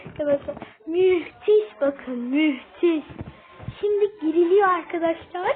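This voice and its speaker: A young woman chatting excitedly to viewers while playing a game, calling them friends and asking for likes. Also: extremely high pitch, unhurried. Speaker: gaming video host. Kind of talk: casual gameplay vlog. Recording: tinny phone-like sound.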